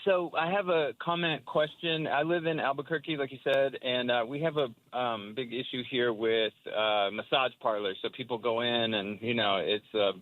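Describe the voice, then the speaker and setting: A man speaks over the phone from a call-in line, the sound thin and tinny. His pitch sits in an ordinary middle range. He talks hesitantly, with frequent fillers and restarts. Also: fairly even intonation, moderate pace, hardly any pauses. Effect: heard over the phone. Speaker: radio call-in listener. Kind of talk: call-in comment and question. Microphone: telephone.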